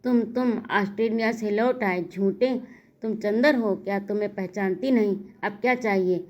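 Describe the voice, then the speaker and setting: A woman's voice: mid-range voice, normal speed, darkish tone, close to an everyday voice. A woman reading as a feverish delirious young woman.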